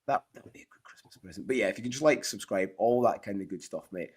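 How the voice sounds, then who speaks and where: A Scottish man with a hoarse, half-lost voice, chatting casually and enthusiastically as host of a fantasy football show. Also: on the low side, fast talker. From Scotland. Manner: matey, rambling, enthusiastic. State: hoarse, voice partly lost from shouting. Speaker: podcast host.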